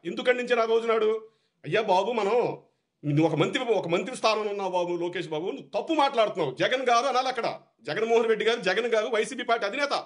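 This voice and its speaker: A man, a party activist, delivering an angry, repetitive political rant. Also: high-pitched.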